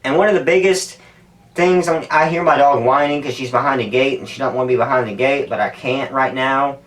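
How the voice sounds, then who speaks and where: A man's voice: medium pitch, brisk, a bit bright. A man talking casually to camera as a YouTuber, candid and profane, wandering from thought to thought. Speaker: YouTuber making stunt videos. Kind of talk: casual rambling talk to camera. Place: indoors at home, sitting in an ice bath. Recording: distant, off-mic camera audio.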